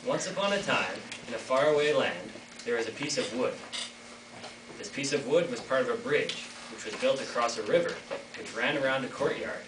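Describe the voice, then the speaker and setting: This teenage narrator keeps up his playful banter with the audience as he tells a fairy tale at a school reader's theater. His voice is medium-pitched and unhurried, at a normal speed. The sound comes from a distance in an echoey, noisy school hall or classroom.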